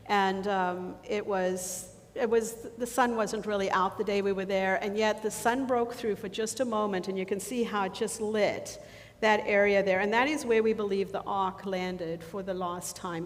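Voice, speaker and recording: A woman presenting a mission trip slideshow to a church congregation, chatty and full of ums, often losing her thread and starting over. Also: mid-range voice. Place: church sanctuary. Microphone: handheld or lapel mic. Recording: reverberant church hall, faint noise.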